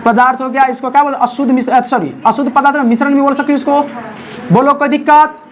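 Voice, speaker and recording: A man's voice: extremely high pitch, steady tone, fast. A man teaching a classroom science lesson, constantly prompting his students to answer back. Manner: call-and-response, keeps prompting students to answer.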